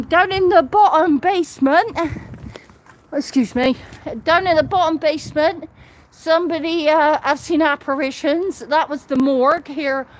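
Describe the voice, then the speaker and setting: A woman giving a casual live walking tour outdoors at night, a little out of breath and rambling, often repeating and restarting phrases as she walks. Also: high-pitched. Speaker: vlogger. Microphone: phone held while walking.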